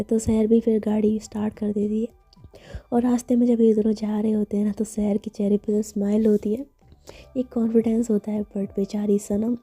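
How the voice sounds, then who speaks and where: A woman's voice: medium pitch, warm tone, slightly rough. A woman telling a romance story in a chatty, casual way, with lots of conversational fillers.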